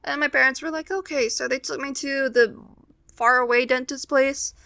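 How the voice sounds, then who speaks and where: A woman's voice: high voice, little pitch movement, normal speed, vocal fry, pushed and bright, no echo. A teenage girl telling a personal story casually, with wry, exasperated complaints and acted-out quotes.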